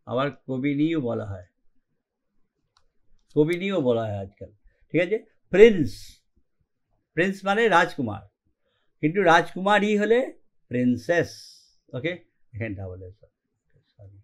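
Speaking in Bengali, a man teaches English grammar online with a voice on the high side, big swings in pitch, a moderate pace, and long pauses. He works through the material step by step, regularly making sure students follow.

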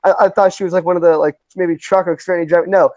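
A man's voice: sits high, fairly even intonation, rapid-fire, darkish tone, no echo, rough recording. A young man co-hosting a podcast, telling stories in a rambling way with many restarts. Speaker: podcast co-host. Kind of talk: casual chat.

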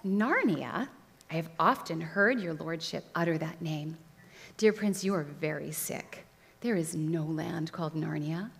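Woman reading storybook witch queen, sweet, quiet, soothing, middle pitch, echoing hall. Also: animated, normal speed. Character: sweet-voiced scheming female witch queen. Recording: long hall reverb.

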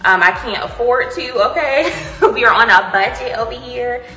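A young woman vlogs casually, showing viewers around an empty apartment's kitchen and bare rooms on a phone she holds while walking. Her voice is on the high side at normal speed, animated, full of "y'all" and "honey" as she talks straight to the camera. Soft music plays behind, and the empty rooms give a long, echoey reverb.

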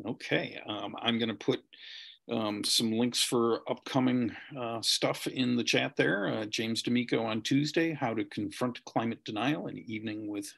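Middle-aged man, gravelly voice, husky edge, hesitant host, video call. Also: mid-range voice, moderate pace, a bit bright. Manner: hesitant, many ums. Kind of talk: moderating a video Q&A.

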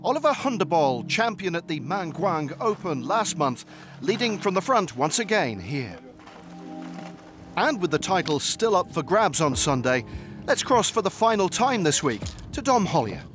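A man reading scripted golf commentary as the presenter of a highlights programme. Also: sing-song, normal speed. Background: music.

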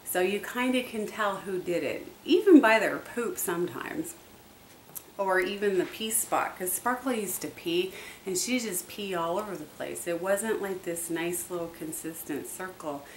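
A woman with a low voice talks through her dog training tips in a chatty, repetitive way, full of ums and asides. She sits some way from the mic, so her voice sounds distant, in an echoey room with a faint hiss behind it. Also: expressive, a little slow. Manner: chatty, repetitive, many fillers. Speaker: dog owner vlogger. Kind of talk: casual how-to talk.

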